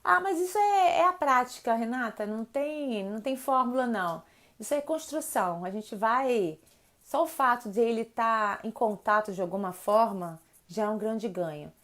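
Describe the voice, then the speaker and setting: A woman's voice: fairly high pitch, normal speed. A woman in her forties with a Brazilian accent, a mother hosting a live stream about teenagers and chatting casually with viewers, acting out quoted dialogue as she tells stories. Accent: Brazilian Portuguese. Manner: lively storyteller who acts out quoted dialogue.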